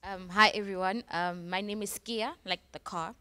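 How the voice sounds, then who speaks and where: A woman's voice: medium pitch, fairly even intonation, normal speed, sharp tone, clear, resonant tone, no room sound. A woman in her twenties, a student volunteering from the audience, speaking with hesitant fillers. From South Africa. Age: 20s.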